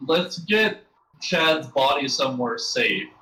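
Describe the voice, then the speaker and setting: A man's voice: medium pitch, animated, slow, pushed and bright, rough recording. A man playing a tabletop game, making crude joking remarks. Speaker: player. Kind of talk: casual tabletop play.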